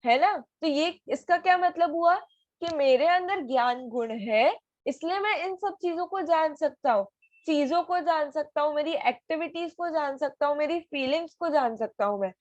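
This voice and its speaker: A woman's voice: high voice, expressive, moderate pace, no echo, dull audio. A woman teaching an online class for children, patiently asking them questions over a video call. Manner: patient, asks many questions.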